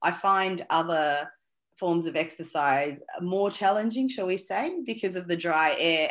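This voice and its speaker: Low-voiced woman, hesitant. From Australia. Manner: hesitant, many fillers and restarts. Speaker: interview guest. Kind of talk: conversational interview.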